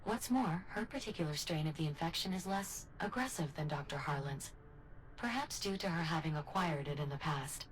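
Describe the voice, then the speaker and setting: A woman playing a calm, precise facility aide in a video game, speaking in a measured, formal way. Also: low-pitched, slight background noise, low-quality recording. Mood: matter-of-fact.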